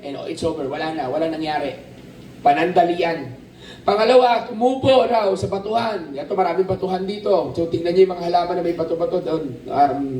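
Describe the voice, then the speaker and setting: A man preaching a lively sermon at a camp, asking the crowd questions and calling for amens. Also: sits high, a little hiss or hum. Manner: animated, asks the crowd questions, calls for amens. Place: outdoor camp. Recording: roomy, distant outdoor sermon recording with faint ambience.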